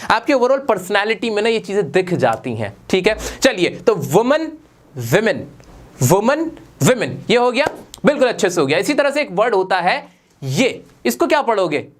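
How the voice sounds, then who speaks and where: A man teaching English pronunciation to viewers, over-articulating each word and repeating it, quizzing his listeners. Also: high voice. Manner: over-articulates words with a wide-open mouth. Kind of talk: spoken lesson to viewers.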